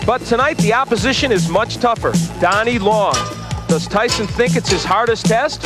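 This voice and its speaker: A man's voice: high voice, normal speed, loud music behind the voice. A man working as a boxing analyst, with a sports broadcast commentary delivery.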